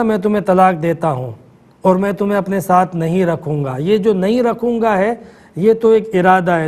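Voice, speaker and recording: A middle-aged man, a mufti answering callers' questions in a calm, explanatory manner. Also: high voice. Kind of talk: religious call-in answers.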